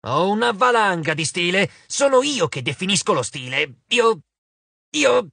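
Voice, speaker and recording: A man voicing a vain, blustering male giant who squeaks and stammers. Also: big pitch swings, moderate pace, creaky, bright, forceful tone, no room sound, full character voice. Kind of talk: audiobook character voice.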